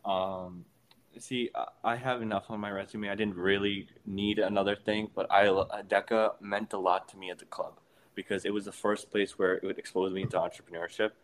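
A teenage man talking as a podcast guest in casual, opinionated chat, animated and often restarting his sentences. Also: on the low side, normal speed, a little hiss or hum. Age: teens.

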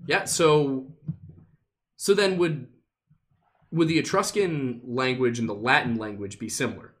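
A man hosting a casual podcast, in a voice of middling pitch. He asks long, hesitant questions full of "um" and "uh" and often restarts his sentences. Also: a little slow, fairly bright tone. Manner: rambling, hesitant, full of fillers. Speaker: podcast host. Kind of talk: casual chat.

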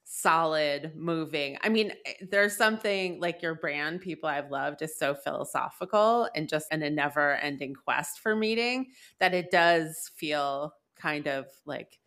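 A woman's voice: low-pitched, unhurried, hardly any pauses, fairly bright tone. A woman co-hosting a podcast, musing aloud in a casual, easy-laughing way. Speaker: podcast co-host.

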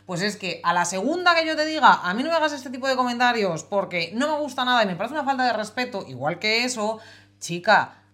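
A woman's voice: a little high, animated, fast talker, fairly bright tone. A woman from co-hosting a podcast, chatting casually in a blunt, emphatic way and swearing freely. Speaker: podcast co-host. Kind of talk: casual chat.

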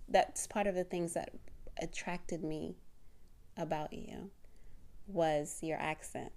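A woman's voice: fairly low pitch, steady tone, takes it slowly, a little mellow. A woman from Zimbabwe with an American accent that keeps traces of British colonial Zimbabwean, talking casually and thoughtfully, explaining with examples. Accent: American, with faded British colonial Zimbabwean. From Zimbabwe, later the United States. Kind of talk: casual reflective conversation.

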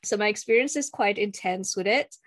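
A woman's voice: medium pitch, a little fast, dry recording. A young adult woman from South Africa, a cross-cultural communication coach, talking earnestly as a guest in a casual interview with some ums and restarts. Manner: earnest, with filler words and restarts.

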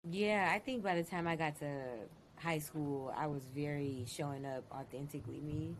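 A woman's voice: low-pitched, steady tone, normal speed, slight background noise. A woman from Dallas, a podcast guest speaking candidly and outspokenly in casual conversation. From Dallas, Texas.

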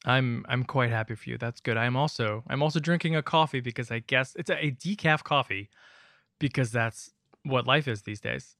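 A man's voice: mid-range voice, moderate pace, a bit bright, no echo, studio quality. A man, co-hosting a gaming podcast with casual, conversational talk. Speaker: podcast co-host.

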